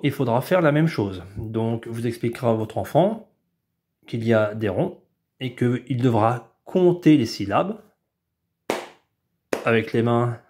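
A man, a preschool teacher, explaining a home activity to parents in a patient, step-by-step way, sometimes stretching words out slowly. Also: medium pitch, a little mellow. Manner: patient, explanatory, drawn-out syllables when demonstrating. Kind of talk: instructional video for parents.

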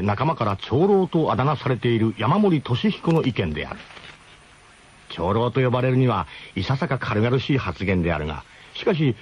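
A male actor with a mid-range, slightly rough voice plays a brash, mock-grandiose expedition leader, narrating a comic radio drama in pompous, formal phrasing.

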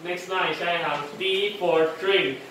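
In a high, pushed, bright voice held steady at a measured pace, a man leads a one-on-one English phonics drill. He says each sound twice and scolds wandering attention, while the far-off mic picks up a very echoey room and faint noise.

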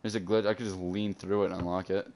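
A man's voice: deep voice, level tone, quick pace, darkish tone. A man streaming a game, chatting casually with a friend, joking crude and laughing often. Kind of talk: casual gaming chat.

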